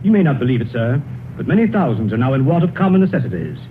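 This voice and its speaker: Charity gentleman for vintage radio drama , played by a man: formal, courteous, quick, expressive, earnest. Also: medium pitch, natural voice. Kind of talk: 1930s radio acting. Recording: scratchy, tinny 1930s radio recording.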